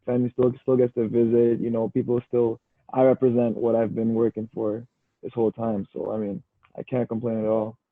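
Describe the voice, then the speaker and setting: A young adult from Canada, a university football player, speaks a little fast in a mid-range voice as a podcast guest, with no room sound. The tone is easygoing and relaxed, sprinkled with "bro" and "you know," and the line is tinny, dry and phone-like.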